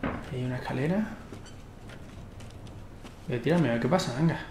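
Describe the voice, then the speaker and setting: A man with a Spain accent and a gravelly, medium-pitched voice gives casual game commentary. He mutters and swears as he goes, in an echoey sound with music behind. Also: brisk, noisy background. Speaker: gaming streamer. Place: indoor room at home.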